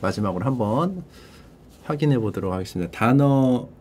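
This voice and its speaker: A man's voice: medium pitch, animated, darkish tone, husky. A man streaming casually, playfully sounding out English vocabulary and translating it. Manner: playful, drawls out English words slowly and repeats them; mutters and swears under his breath. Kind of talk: casual livestream vocabulary study.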